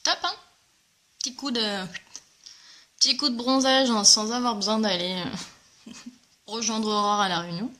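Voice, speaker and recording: A woman's voice: fairly high pitch, moderate pace, long pauses, sharp tone. A woman presenting a casual live makeup tutorial, chatting enthusiastically with viewers and greeting them as she demonstrates. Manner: chatty and enthusiastic, many fillers.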